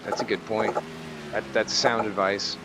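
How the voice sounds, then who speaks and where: A man's voice: on the low side, little pitch movement, measured pace. A man in an online racing league, chatting over group voice chat and making easygoing, joking remarks to the other drivers. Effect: heard over group voice chat. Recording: noisy voice chat line.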